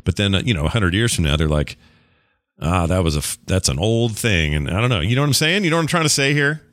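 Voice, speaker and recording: A man's voice: on the low side, big pitch swings, quick pace, fairly bright tone, no echo, clean studio sound. A man hosting a casual reaction to an old TV show, rambling with joking asides. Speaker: reaction host.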